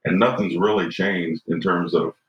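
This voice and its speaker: Guesting on a podcast, a man in his fifties talks with a low voice, a steady tone and a moderate pace. He comes across as earnest and reflective, often checking in with "right?" and saying "you know". Audio is dull, lo-fi and roomy.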